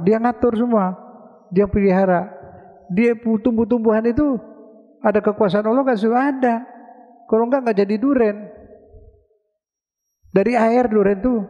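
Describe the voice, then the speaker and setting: A man's voice: sits high, mellow. A man from Indonesia giving a conversational sermon in a mosque, asking his listeners questions and answering them himself. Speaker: preacher. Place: large mosque hall. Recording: dull lo-fi recording with long hall reverb.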